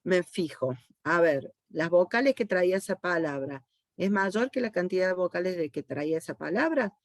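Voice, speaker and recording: Teaching code online, an Argentine woman guides students patiently through each step and frequently asks "¿sí?" to make sure they follow. Her fairly low, animated voice moves at a moderate pace in a studio-quality recording without echo.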